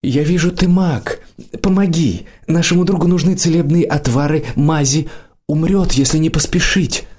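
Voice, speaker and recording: A man voicing a young forest sorcerer who speaks earnestly and pleadingly, pitched up from his own voice. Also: unhurried, a little mellow, close to an everyday voice.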